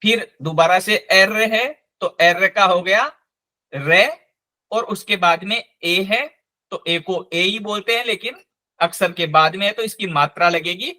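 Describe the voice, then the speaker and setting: A man teaching a live online language class, slowly and patiently spelling out each sound. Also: high-pitched, sharp tone.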